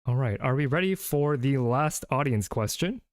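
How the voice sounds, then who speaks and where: A man's voice: mid-range voice, expressive, normal speed, no room sound, studio quality. Self-deprecating man hosting a quiz. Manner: self-deprecating, thinks aloud with restarts. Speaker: trivia quiz host. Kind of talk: casual streamed quiz chat.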